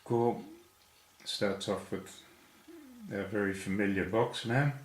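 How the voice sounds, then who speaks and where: A man with a fairly low voice walks through a lesson at an unhurried pace. He explains each step with patience. The room around him rings with echo. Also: steady tone. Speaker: language teacher.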